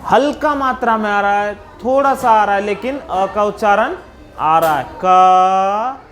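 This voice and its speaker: Bihari-accented man, primary-school teacher, slow and patient, breaks words into single sounds. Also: sits high, fairly bright tone, soft background music. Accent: Bihari Hindi. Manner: patient, spells out letters and sounds one by one. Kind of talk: slow classroom explanation for young children.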